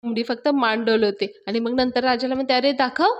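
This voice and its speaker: A woman with a slightly high voice recaps a TV serial episode scene by scene. She talks in a chatty, casual storyteller's way, now and then addressing her listeners directly. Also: fairly even intonation, a little fast, muffled recording.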